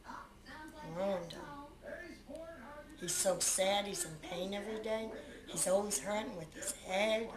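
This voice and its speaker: A woman's voice: medium pitch, slow pace, pauses often. A middle-aged woman, the mother of a beaten man, being interviewed and talking indignantly, repeating herself as she describes photos. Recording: roomy with crowd noise.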